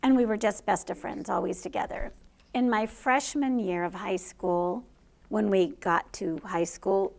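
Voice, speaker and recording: Woman telling a personal story, gravelly. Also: medium pitch, steady tone, a little slow. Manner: conversational, laughs through funny parts. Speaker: teacher.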